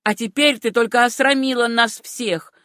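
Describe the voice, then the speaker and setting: A woman's voice: a little high, fairly even intonation, moderate pace, fairly bright tone, no echo, studio quality, lightly acted. A woman voicing a stern, angry middle-aged uncle in an audiobook, harsh and contemptuous in tone. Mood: angry scolding. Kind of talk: audiobook character reading.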